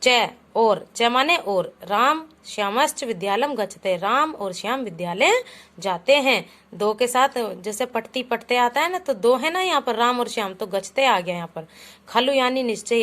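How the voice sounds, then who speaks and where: Speaking a little slowly with a higher pitch, lively intonation and a somewhat bright tone, a woman patiently teaches kids a Sanskrit lesson. She calls each pupil "beta," reads out every example, then translates and explains it in Hindi.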